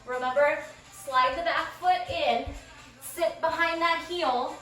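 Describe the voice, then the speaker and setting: A woman's voice: high-pitched, slow, fairly bright tone. A woman fitness instructor calling out short, upbeat exercise cues while out of breath, working in a small space. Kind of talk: cueing a workout class. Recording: echoey room, distant mic, background music.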